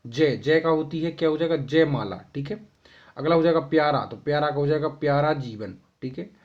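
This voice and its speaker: Speaking rather quickly in a high-leaning voice, a young man teaches children by reading out homework questions and then dictating the answers. He says "ठीक है" constantly to check in. Audio quality is dull and lo-fi.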